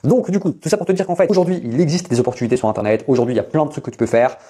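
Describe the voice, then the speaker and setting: A man from India, pitching his online business coaching to the viewer in a hyped, rambling way full of fillers. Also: very fast, warm tone, slightly rough. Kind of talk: casual direct-to-camera sales pitch.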